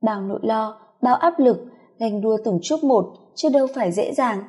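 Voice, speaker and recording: Mellow-voiced woman telling a first-person story. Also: fairly high pitch, lively intonation, normal speed. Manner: soft, intimate confessional telling.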